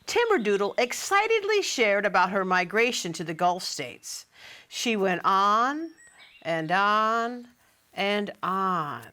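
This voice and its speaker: Bright, animated woman reading a picture book. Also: mid-range voice, slow. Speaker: children's book author. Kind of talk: storybook read-aloud.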